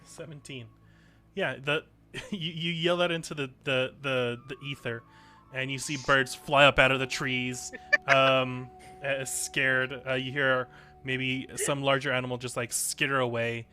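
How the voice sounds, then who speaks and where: Brief: bright male dungeon master, hesitant narration, soft music under. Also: medium pitch, level tone. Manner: halting, many ums and restarts. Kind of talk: narrating a tabletop game.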